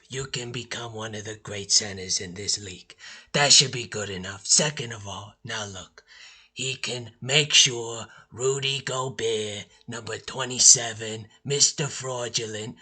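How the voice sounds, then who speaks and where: A man's voice: mid-range voice, pushed and bright, husky, heavily acted. A man doing a blustery New uncle. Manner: folksy, preachy, repeats "all right?" and "look". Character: blustery middle-aged male uncle basketball know-it-all. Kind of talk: phone voicemail comedy rant.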